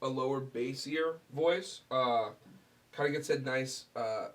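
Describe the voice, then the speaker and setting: A man's voice: mid-range voice, takes it slowly. A man with a nasal voice, explaining step by step in casual talk how he records and edits his own song. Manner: relaxed, explaining each step with fillers.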